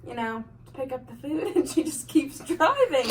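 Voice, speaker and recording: A woman's voice: high-pitched, lively intonation, normal speed, darkish tone, distant mic, a little hiss or hum. A young woman casually telling a funny family story, giggling as she talks. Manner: giggly, laughing through her story. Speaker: vlogger's sister.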